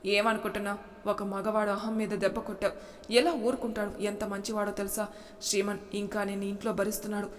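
Woman narrator as a stern big brother telling off his sister, flat and firm, echoey room. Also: medium pitch, fairly quick, close to an everyday voice. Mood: scolding. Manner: scolding, firm. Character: harsh protective older brother Vinay. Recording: reverberant room with faint noise.

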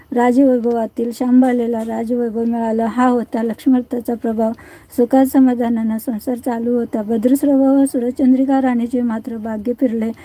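A woman narrating a devotional folk tale in a steady, measured reading. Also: fairly high pitch, rough recording. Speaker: storyteller.

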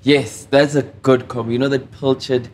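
A man's voice: mid-range voice, level tone, normal speed, a little mellow. A young South African man chatting casually on a date over a meal, with a hesitant but eager manner. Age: young adult. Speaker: host on a mock date. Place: restaurant, indoors. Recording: clear background ambient noise.

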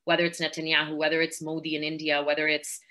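A woman's voice: deep voice, monotone, fast talker, pushed and bright. A woman speaking earnestly and fluently as a panelist in an online discussion, talking from home over a video call. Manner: earnest, fluent activist talk with fillers. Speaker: panelist, podcast host.

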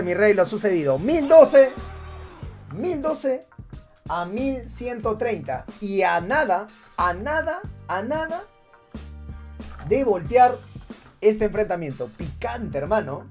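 A man casting a live esports tournament on stream. He calls the action loudly and energetically, then slips into laid-back banter with his chat. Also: sits high, sing-song, slow, faint music behind. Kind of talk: live esports play-by-play commentary.

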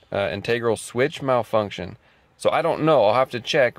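Low-voiced man thinking aloud in a car. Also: no room sound. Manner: thinks aloud, reads scan tool values. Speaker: auto mechanic. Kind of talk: casual diagnostic walkthrough. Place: inside a car.

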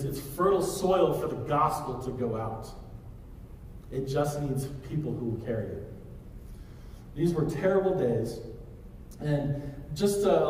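A man's voice: fairly high pitch, a little mellow, slight background noise. A man in his thirties preaching a conversational sermon, recorded from across a large church sanctuary. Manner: conversational preaching, walks the stage gesturing. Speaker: pastor. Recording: echoey hall from far off.

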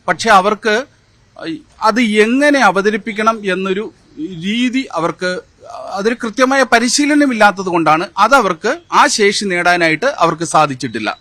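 Hesitant fifty-something man, bright dry voice. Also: sits high, no room sound. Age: 50s. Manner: hesitant, many fillers, measured. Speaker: former mimicry champion, interviewee. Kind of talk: interview answers with poem recitation.

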